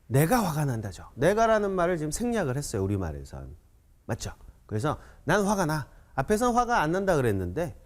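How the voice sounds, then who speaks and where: A man teaching an English writing lesson in a chatty lecture style, often checking in with viewers and reading example sentences slowly. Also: a little high, darkish tone.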